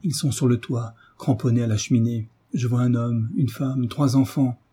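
A man reading the part of a calm, grave tutor who gives firm, decisive orders. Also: medium pitch, normal speed, slightly rough, lightly acted. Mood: urgent. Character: calm, commanding male tutor in his prime.

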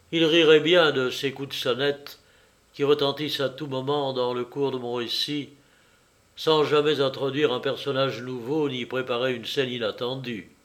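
A man reading a literary novel aloud in a measured, wry and reflective storytelling manner. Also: medium pitch, a bit bright. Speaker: audiobook reader. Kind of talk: literary audiobook narration.

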